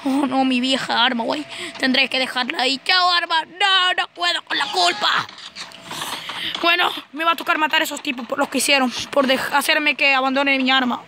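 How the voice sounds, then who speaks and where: A woman gamer giving live, excitable and playful commentary on her own play, yelling when she is in danger. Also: high voice, moderate pace, slight background noise.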